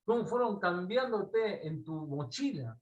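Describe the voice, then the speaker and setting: A man with an Argentine accent teaching a Torah class. He tells a parable in a lively way and often checks in with his listeners. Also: sits high, unhurried, dull audio. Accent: Argentine Spanish. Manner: animated storyteller, asks listeners "¿sí?" often.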